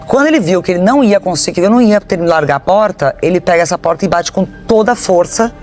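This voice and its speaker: A woman's voice: lowish voice, darkish tone. Woman telling her story in a rush. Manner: halting, restarts sentences, recounts vividly. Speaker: interviewee. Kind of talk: emotional personal account.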